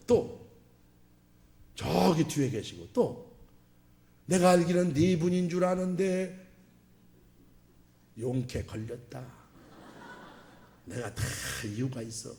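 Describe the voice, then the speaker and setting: High, echoey male revival preacher. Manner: folksy, joking, swings from loud to soft. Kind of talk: revival sermon. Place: church sanctuary. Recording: echoey church hall.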